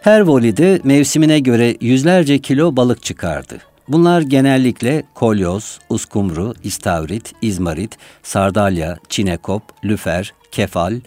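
A man narrating a literary, memoir-style text in a measured, unhurried way. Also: fairly low pitch, darkish tone, dry recording. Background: faint music.

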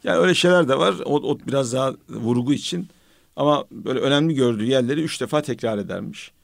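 A man's voice: mid-range voice, fast talker, creaky, no echo. Reflective man on a dry studio mic. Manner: reflective, speaks with religious phrases. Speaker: radio host. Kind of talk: casual radio chat.

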